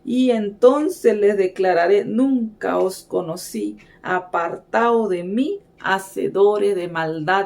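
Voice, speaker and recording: A woman's voice: medium pitch, creaky, a little mellow. Woman preaching a sermon, earnest, keeps asking her listeners "right?". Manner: repeats "¿verdad?" as a filler, earnest exhortation.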